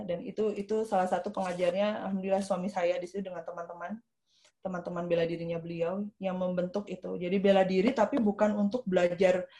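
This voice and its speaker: A woman's voice: medium pitch, warm tone. A woman leads an informal spoken lesson, recorded as a phone voice message. She is chatty and conversational, tags many phrases with "ya", and acts out small everyday scenes to make her points. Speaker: psychology class speaker.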